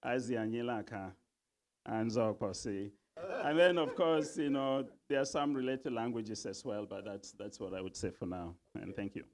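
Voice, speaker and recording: A man from Uganda giving a formal speech at a business convention, pausing often with many fillers. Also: mid-range voice, noisy background. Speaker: convention speaker.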